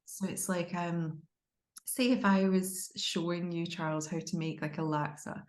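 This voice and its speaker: Scottish woman from glasgow, glaswegian accent, low voice, chatting away keenly in an interview, bit echoey. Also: measured pace. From Glasgow, Scotland. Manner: enthusiastic, expressive, chatty. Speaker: chef, interview guest. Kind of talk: casual conversational interview.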